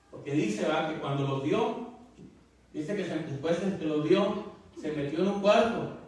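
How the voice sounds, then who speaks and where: A man's voice: fairly high pitch, a little mellow. A man preaching a casual sermon, often repeating little asides to his listeners and restarting his words. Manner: folksy, repeats "¿verdad?" and "hermano". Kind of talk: Spanish sermon. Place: church sanctuary. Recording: echoey church from far off.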